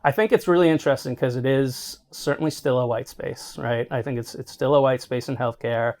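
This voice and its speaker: A man's voice: medium pitch, steady tone, brisk, darkish tone. A middle-aged man answering interview questions as an executive, explaining conversationally and often checking in with "right?". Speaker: healthcare marketing executive being interviewed.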